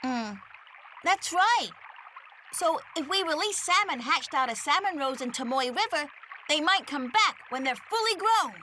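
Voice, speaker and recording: A woman's voice: high voice, lively intonation, measured pace, pushed and bright, slight background noise, full character voice. A woman voicing a thoughtful, sensible schoolchild in an overacted anime dub. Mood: pondering.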